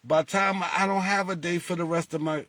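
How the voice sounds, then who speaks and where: This lottery group leader has a high, brisk voice as he talks casually to his followers. Animated and rhetorical, he poses questions he doesn't expect answered and plays the parts of callers.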